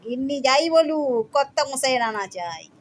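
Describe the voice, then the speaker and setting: A woman's voice: high voice, animated, normal speed. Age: middle-aged. Sex: woman. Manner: chatty home vlogger. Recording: phone, faint noise. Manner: chatty, addresses viewers as friends. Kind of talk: casual home vlog. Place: home kitchen. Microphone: phone camera.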